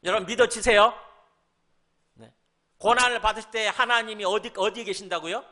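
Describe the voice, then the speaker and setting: A man's voice: high voice, steady tone, brisk, bright, forceful tone. A man preaching a sermon as senior pastor, asking the congregation questions and acting out the voices he quotes.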